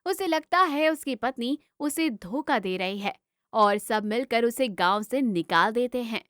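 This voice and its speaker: A woman tells a cartoon moral story in a steady, scripted narration. Her voice sits a little high, recorded dry and close. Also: measured pace, no room sound.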